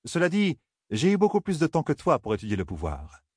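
A man voicing a proud, scheming male sorcerer in an audiobook, speaking in a measured, calculating way. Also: a little high, wildly swooping pitch, slightly rough, no room sound, clean studio sound, pitched above the performer's own voice, heavily acted. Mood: sly.

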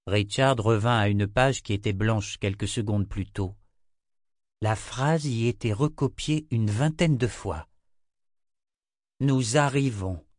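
A man reading a fantasy novel aloud in measured, scripted narration. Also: fairly low pitch, no room sound, studio quality. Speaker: audiobook narrator.

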